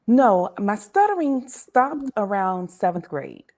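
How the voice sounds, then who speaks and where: As an interview guest, a woman in her forties from Washington, D.C., recounts her life story thoughtfully and deliberately, often letting her voice ease softly downward as a thought ends. Her voice is mid-range, with big swings in pitch.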